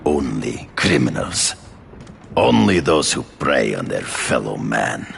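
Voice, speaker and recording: An actor playing a proud hunter turned vigilante in a video game, with a grandiose, hammy stage-actor delivery. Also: male voice, very deep voice, sing-song, slow pace, gravelly, a bit bright, slight background noise, exaggerated voice. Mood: stern, forceful.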